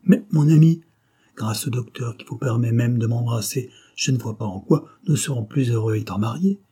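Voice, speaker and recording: A naive young woman from a storybook, earnest and a little plaintive, as a male reader puts her on. The voice sits higher than his own but keeps his dark, husky timbre. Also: normal speed, lightly acted.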